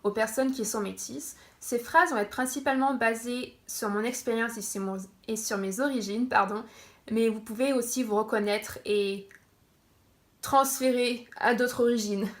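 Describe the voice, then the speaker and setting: A woman's voice: fairly high pitch, fairly even intonation, moderate pace. A young woman from France chatting casually on her vlog, laughing often and correcting herself as she goes. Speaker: vlogger.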